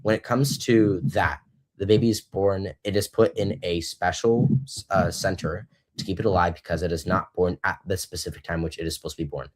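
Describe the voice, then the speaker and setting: A young man hosting a casual online debate, hesitant, restarting sentences and slowing down to press his points. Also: low-pitched, steady tone. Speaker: debate host.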